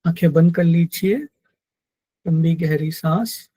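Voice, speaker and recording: A man teaching a yoga text in an online class, explaining slowly and patiently and drilling Sanskrit pronunciation. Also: a little high, steady tone, dark tone, slightly rough, dry recording. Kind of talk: online lecture.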